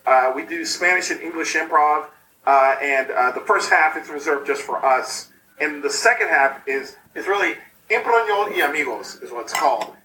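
A man in his late thirties, fairly high-pitched, rambles through a self-mocking story with lots of stops and restarts. His voice sounds tinny and hollow, as if he were talking from inside a metal can. He sits well back from the mic over a remote line, with faint hiss behind him. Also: animated, normal speed, bright, forceful tone, echoey room, distant mic. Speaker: podcast guest, improv performer. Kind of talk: casual chat, storytelling.

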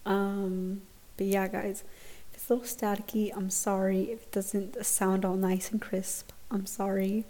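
A woman's voice: mid-range voice, flat delivery, measured pace, dark tone. A young woman giving a casual solo podcast update in an awkward, hesitant, self-conscious way, recorded on earphones in a dorm lounge. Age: young adult. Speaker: podcast host. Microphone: laptop recording with earphone mic.

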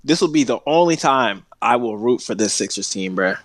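A man co-hosting a casual sports debate, emphatic and quick to laugh, saying "bro" at the end of nearly every line. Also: mid-range voice, lively intonation. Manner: emphatic, peppers lines with "bro", laughs often. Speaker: podcast co-host.

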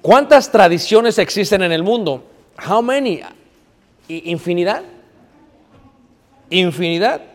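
A man's voice: high voice, animated, slow, pauses often. A man preaching a sermon to a congregation, telling stories, asking the audience questions and mixing in English. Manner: storytelling, asks the audience questions, mixes in English. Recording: reverberant hall.

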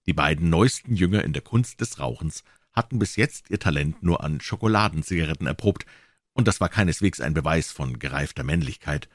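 A man narrating a classic novel with expressive storytelling. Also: very deep voice, fairly quick, no echo, studio quality. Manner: expressive storytelling, voicing the characters. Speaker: audiobook narrator.

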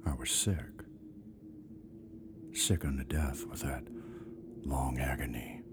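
A man playing a sinister old horror actor who tells bedtime stories in a slow, creeping, breathy whisper, in a radio play. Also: extremely low pitch, steady tone, heavy background noise, full character voice. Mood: dread. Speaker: horror storyteller. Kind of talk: radio bedtime story narration. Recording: loud music behind.

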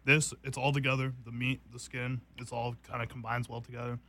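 A man's voice: mid-range voice, flat delivery, fairly quick, pushed and bright. A young man hosting a casual food taste test, rambling loosely with fillers and laughing often. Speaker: host.

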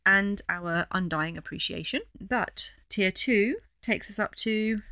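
A woman's voice: medium pitch, takes it slowly, pushed and bright, no echo, studio quality. A woman, co-hosting a podcast, playful and giggly as she reads out the show's plugs. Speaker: podcast co-host. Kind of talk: casual chat.

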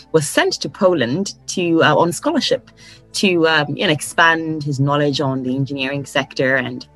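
A woman from Ghana, a guest coach on a podcast interview, telling stories in an animated way and laughing often. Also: sits low, rough recording. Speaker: guest, course creation coach.

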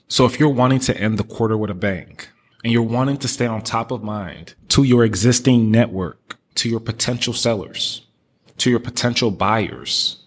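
A man hosting a business podcast, upbeat and motivational, talking straight to his listeners. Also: lowish voice. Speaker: podcast host. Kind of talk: casual business podcast talk.

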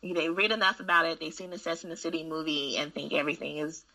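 Frank woman, low gravelly voice with a bright edge; candid, chatty storyteller. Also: quick pace, poor audio. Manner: candid, frank, animated storyteller with frequent restarts. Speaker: school administrator. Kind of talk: casual conversation.

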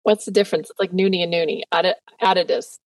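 A woman's voice: fairly low pitch, fairly even intonation, rapid-fire, darkish tone, dry recording. A woman hosting a casual podcast, playful and self-mocking. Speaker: podcast host. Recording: dry, slightly distant mic.

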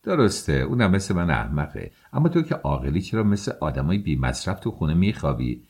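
A man's voice: sits low, very animated, darkish tone, husky, exaggerated voice. A man voicing a chatty, blunt female house servant in an audiobook, asking question after question. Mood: teasing.

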